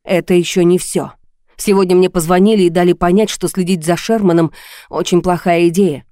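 A woman's voice: lowish voice, fairly even intonation, brisk, warm tone, no echo, close to an everyday voice. A woman reading an audiobook, voicing an angry, jealous young man who speaks harshly and accusingly.

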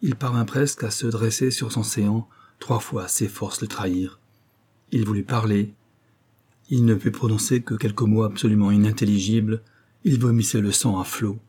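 A man narrating a novel as an audiobook in a steady, measured reading. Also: lowish voice, husky.

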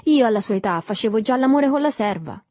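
A woman's voice: fairly high pitch, expressive, fast, darkish tone, no room sound, pitched above the performer's own voice. A woman reading a novel aloud, voicing a thin, pale man who speaks coolly and offhand. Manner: cool, offhand.

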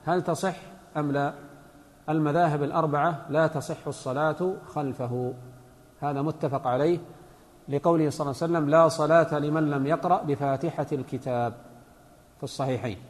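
A man's voice: fairly high pitch, fairly even intonation, brisk. A man, a sheikh, giving a religious lecture on Islamic law, patiently explaining points and reciting examples. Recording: long hall reverb.

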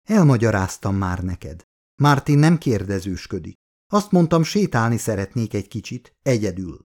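A man reading the lines of a cool, composed young woman in an audiobook, in a quiet, calm and guarded way. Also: fairly low pitch.

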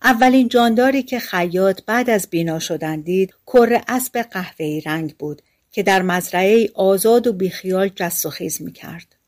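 A woman reads a fairy tale aloud as an audiobook narrator. Her telling is calm and measured, at an everyday pitch. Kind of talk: scripted storybook narration.

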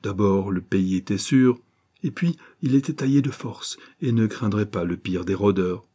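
Low dark male narrator, husky, measured audiobook reading. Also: lively intonation. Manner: measured, literary. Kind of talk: scripted narration.

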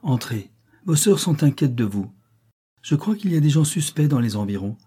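A stern old servant woman, voiced by a man in a storybook. She scolds and shoos away with a raised, louder voice. She is honest but inflexible, and the timbre stays warm and husky. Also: fairly high pitch, big pitch swings, moderate pace, voice pushed up. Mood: scolding.

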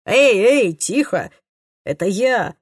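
A woman's voice: a little high, lively intonation, a little slow, fairly bright tone, no room sound, clean studio sound. A woman voicing a cheerful, teasing young man with a slightly childlike voice in an audiobook. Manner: light, joking, a little youthful.

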